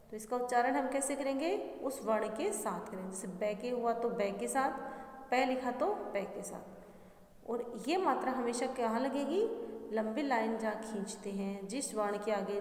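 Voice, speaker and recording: A woman's voice: on the high side, a little mellow. Patient woman teaching children, echoey room. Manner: patient, repeats words slowly and asks questions to the class. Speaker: primary school Hindi teacher. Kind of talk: step-by-step grammar lesson for young children. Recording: echoey room with long reverb.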